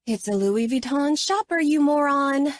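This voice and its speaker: A woman's voice: sits high, animated, a little slow, dry recording, studio quality, voice pushed up. A woman voicing a sassy, teasing teenage girl who talks in a mocking sing-song.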